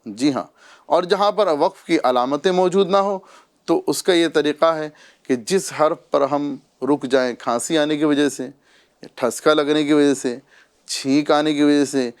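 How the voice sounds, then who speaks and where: Slow-drilling male Quran recitation teacher. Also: fairly high pitch, clean tone. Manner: drawn-out syllable-by-syllable pronunciation drills; patient, repeats each example several times. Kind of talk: Quran reading lesson.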